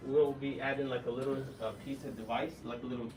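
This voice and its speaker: A man's voice: mid-range voice, flat delivery, fast talker, crowd noise. Echoey, distant man explaining care. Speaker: medical staff explaining patient care. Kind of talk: informal medical consultation. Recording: echoey, distant, noisy room recording.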